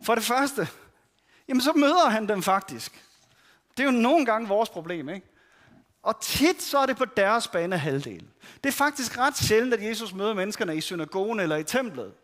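A man's voice: high voice, expressive, a bit bright. A man giving a sermon, telling the stories in a conversational way and voicing the people in them. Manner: conversational storytelling with quoted voices. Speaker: preacher.

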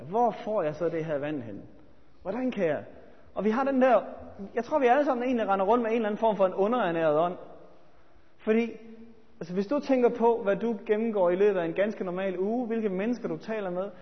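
High-voiced man preaching in reverberant hall. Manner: swings from loud urgent appeals to quiet reflective asides. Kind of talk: sermon. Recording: dull sound with long church reverb.

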